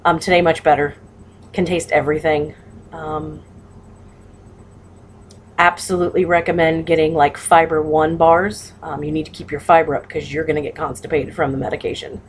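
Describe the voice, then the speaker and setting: A woman with a low voice talks informally, as a patient passing on practical tips. Her delivery is halting and matter-of-fact, and there is noise behind her. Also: level tone. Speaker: patient sharing surgery recovery advice. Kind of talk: casual personal vlog talk.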